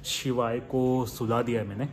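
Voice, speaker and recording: A man's voice: medium pitch, flat delivery, moderate pace. A man talking casually in a family vlog, chatty and laughing often as he coaxes his toddler. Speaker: vlogger, father.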